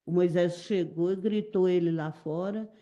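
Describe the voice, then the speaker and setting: A middle-aged Brazilian woman giving halting, repetitive, emotional testimony as a witness in a courtroom. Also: lowish voice, fairly even intonation, mellow. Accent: Brazilian Portuguese. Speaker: witness testifying in a jury trial.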